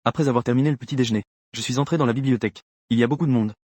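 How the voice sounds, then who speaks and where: In a mid-range voice with no echo, a man narrates a first-person story for a comic dub, keeping his delivery fast and steady.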